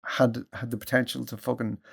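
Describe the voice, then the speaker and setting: A man's voice: mid-range voice, level tone, brisk, creaky, husky. A man co-hosting a podcast in loose, sweary casual chat that trails off and restarts. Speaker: podcast co-host.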